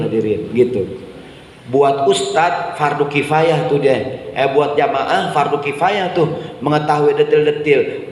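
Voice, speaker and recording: Echoing preacher in a mosque. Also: male voice, on the high side. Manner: conversational, often addresses the congregation and asks "right or not?". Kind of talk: evening mosque sermon. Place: mosque hall. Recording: very echoey mosque hall with long reverb and faint noise.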